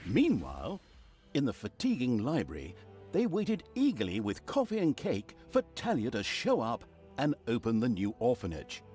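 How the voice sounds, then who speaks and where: A man's voice: mid-range voice, huge pitch swings, moderate pace, a little mellow, faint music behind. A man voicing a sardonic game narrator who tells the story with mocking, theatrical asides. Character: sardonic male narrator who gloats over evil deeds.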